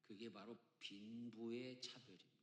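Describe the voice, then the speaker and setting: A man in his fifties from Chungcheong, Korea, preaching a sermon as senior pastor, jumping between loud emphatic lines and quiet asides, with folksy jokes. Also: mid-range voice, steady tone, moderate pace. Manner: emphatic preacher with big swings between loud and soft, joking. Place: church sanctuary. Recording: echoey church hall.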